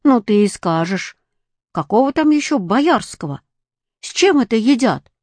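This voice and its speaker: A woman's voice: fairly high pitch, big pitch swings, a little slow, darkish tone, no room sound, voice pushed up. Woman voicing a cheeky stubborn schoolboy, brash mocking retorts, storybook.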